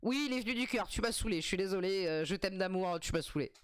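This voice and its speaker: A woman's voice: medium pitch, lively intonation, fast talker, clean tone, no echo. A woman streaming live, reacting to a game show in casual chat, joking with her viewers and swearing often. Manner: chatty, swears, laughs often, jokes with chat.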